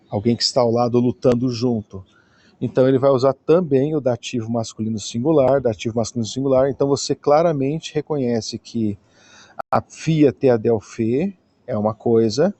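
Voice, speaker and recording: Slow, patient Brazilian man teaching. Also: medium pitch, dark tone. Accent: Brazilian Portuguese. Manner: patient, checks in with "né?" often. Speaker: Greek teacher. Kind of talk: slow, explanatory lesson.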